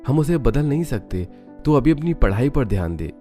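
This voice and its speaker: A man voicing a stern older brother in a cartoon story, speaking low, calm and firm. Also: normal speed, soft background music, natural voice. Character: older brother, stern keeper of family custom.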